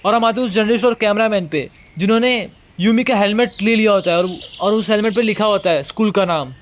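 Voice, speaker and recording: A man recapping a manga in an easy, casual storytelling way. His voice sits fairly high for a man. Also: quick pace, slight background noise. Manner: casual retelling. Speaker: manga explainer.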